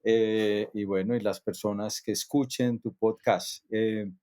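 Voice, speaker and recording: A man from near Medellín, Colombia, a psychotherapist and actor appearing as a guest, speaks in a fairly low, steady, darkish voice at a measured pace. He reflects on his life story thoughtfully, with frequent hesitations and restarts.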